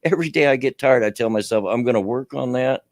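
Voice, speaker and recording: Speaking quickly in a mid-range voice, this middle-aged man hosts a casual livestream in a Kentucky and Tennessee redneck accent, rambling with a self-deprecating laugh. The recording is dry and clean, studio-quality.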